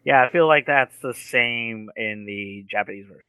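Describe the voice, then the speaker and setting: A man with an ordinary mid-range voice walks through a plot recap in casual podcast talk, pausing often on filler sounds. The sound is close and dry, with no room echo. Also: medium pitch, pushed and bright, clear, resonant tone. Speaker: podcast co-host.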